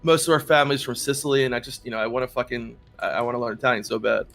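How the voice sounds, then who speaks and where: An American man chatting casually while gaming, excitable and swearing a lot. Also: mid-range voice, vocal fry. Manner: fast, excitable, heavy swearing.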